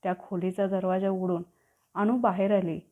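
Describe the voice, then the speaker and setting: A woman reading a story aloud in a calm, descriptive manner. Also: medium pitch, normal speed. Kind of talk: scripted story narration. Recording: tinny phone-like audio.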